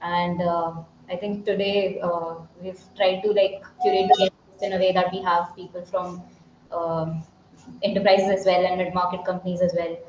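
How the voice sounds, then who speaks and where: Female host, Indian accent, lowish voice, casual delivery, roomy call audio with muffled sound. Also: level tone, normal speed, darkish tone, slight background noise. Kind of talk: casual hosting. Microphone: online call.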